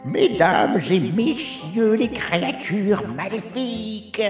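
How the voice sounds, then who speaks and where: A man's voice: sits high, expressive, slow, roomy sound, long reverb tail, faint music behind, pitched above the performer's own voice, full character voice. A man voicing an old mummy grandmother announcing a show in a grandiose manner. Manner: grandiose then fumbling.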